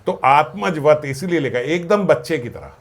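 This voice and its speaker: A man delivering a spiritual, devotional discourse explains scripture verses, asking himself questions and answering them, and slows down to chant lines in Sanskrit. His voice is on the high side, with big swings in pitch.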